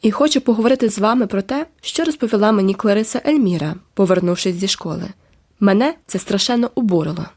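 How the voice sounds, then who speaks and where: A woman's voice: medium pitch, fast, a little mellow, natural voice. A woman voicing a pompous, overdressed middle-aged lady who is indignant and fussy, in an audiobook. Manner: haughty, fussy, insistent. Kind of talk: audiobook character voice.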